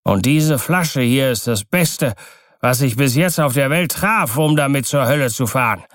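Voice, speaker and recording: A man's voice: mid-range voice, animated, normal speed, fairly bright tone, no room sound, studio quality, pitched above the performer's own voice, lightly acted. A man voicing a drunk, defiant sailor who bellows and taunts. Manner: rowdy, bellowing, slurred. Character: drunk, defiant male sailor, coarse and boastful.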